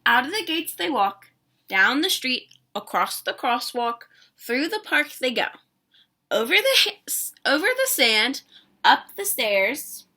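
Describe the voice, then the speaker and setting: A woman with a high-pitched, husky voice reads a children's picture book aloud, telling the story in an expressive, deliberate way.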